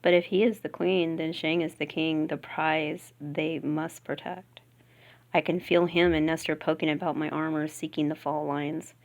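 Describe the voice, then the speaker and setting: A woman reading a novel aloud, softly and often half-whispered. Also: low voice, flat delivery, moderate pace. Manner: soft, half-whispered reading with giggles at slips. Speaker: reader.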